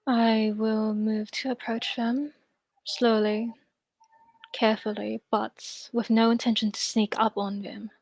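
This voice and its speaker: Casting: female tabletop player, reserved, flat intonation, unhurried and careful. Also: on the high side, no room sound. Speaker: player in a tabletop role-playing game. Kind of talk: in-character tabletop role-play.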